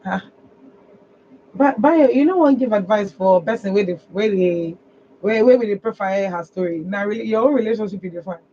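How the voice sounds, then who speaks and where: Speaking quickly in a warm, mid-range voice, a Nigerian-accented woman runs a radio call-in advice program with a conversational feel. The broadcast sounds dull and lo-fi, with noise throughout.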